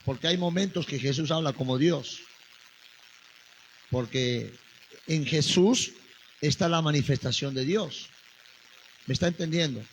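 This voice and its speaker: A man preaching a Bible study sermon as pastor, swinging between emphatic rising declarations and quiet questions to the congregation. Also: on the high side, unhurried, long pauses, slight background noise, low-quality recording.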